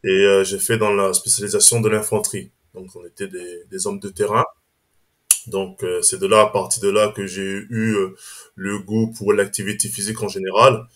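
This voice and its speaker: A man's voice: fairly low pitch, little pitch movement, normal speed. Hesitant man, podcast guest. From Strasbourg, France. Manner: hesitant, restarts phrases, says "on va dire" often. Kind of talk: casual interview chat.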